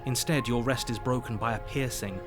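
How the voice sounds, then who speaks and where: An actor playing the grave, exasperated male narrator of a dark fairy tale game, with measured, theatrical storytelling. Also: fairly even intonation, natural voice. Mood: grave, suspenseful. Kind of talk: dramatic second-person storytelling. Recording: loud game music and booming effects behind.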